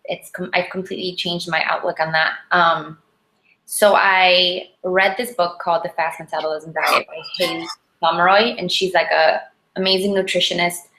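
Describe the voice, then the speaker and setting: A woman with a Polish accent chatting casually and informally, in an animated, rambling way, as an interview guest. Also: lowish voice, normal speed. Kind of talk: casual chat about diet. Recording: echoey, roomy sound.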